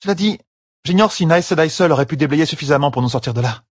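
A man voicing an anxious, determined young wife on the run, with tense, urgent speech and a husky tone. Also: on the high side, animated, rapid-fire, no echo, studio quality, pitched above the performer's own voice. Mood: bitter.

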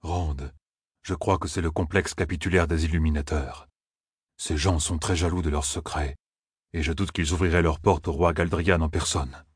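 A man voicing a gentle, cautious giant ogier in an audiobook, with a husky, measured delivery. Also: extremely low pitch, steady tone, no echo, clean studio sound, heavily acted. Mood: worried.

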